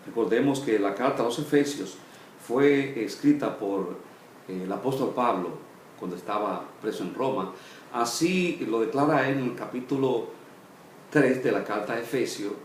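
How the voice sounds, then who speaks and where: Animated Spanish-speaking pastor teaching. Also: male voice, roomy sound, slight background noise. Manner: pauses, "eh" fillers, phrases rising then dropping low and soft. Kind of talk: Bible study sermon.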